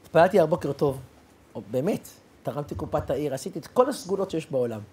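Animated storytelling rabbi, man. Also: fairly high pitch. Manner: animated, acts out dialogue with sound effects. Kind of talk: storytelling sermon.

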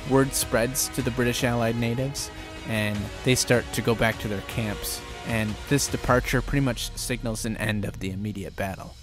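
A man hosting a history channel, narrating a battle in a casual, conversational storytelling way. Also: mid-range voice.

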